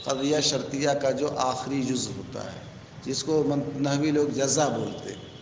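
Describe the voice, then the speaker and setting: A man with an Indian Urdu accent lecturing a class. He reads Arabic text aloud, explains it, and keeps quizzing his students with questions. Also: mid-range voice. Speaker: teacher of logic. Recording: echoey classroom with faint noise.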